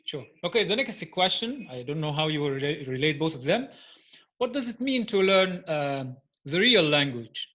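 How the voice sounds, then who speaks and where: A male interviewer with a fairly high, bright and forceful voice reads out his questions plainly. Between the guest's answers he adds short acknowledgements. His audio sounds dull and lo-fi. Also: sing-song, moderate pace.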